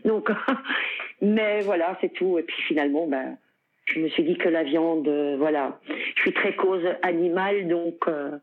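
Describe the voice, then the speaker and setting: Over a tinny, phone-like line, a middle-aged Belgian woman speaks as a guest in a casual conversational interview. Her voice is low-ish and unhurried, and she talks freely, laughing often and using plenty of fillers.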